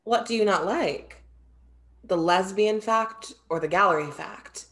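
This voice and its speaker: In a play reading over a video call from an indoor room, a young woman plays a proud, playful Greek muse using theatrical, formal wording. She sounds assertive, with a mid-range, fairly bright voice at a measured pace.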